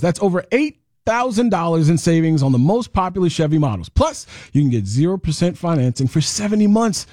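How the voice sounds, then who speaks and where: A man's voice: sits high, darkish tone, no room sound, clean studio sound. A man reading a scripted radio commercial for a car dealership.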